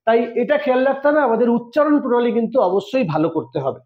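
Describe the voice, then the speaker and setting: A man's voice: extremely high pitch, sing-song, quick pace. A man teaching an online Sanskrit exam-prep class. He asks questions and answers them himself, and he explains with everyday analogies. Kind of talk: online exam coaching lecture. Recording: echoey, slightly dull audio.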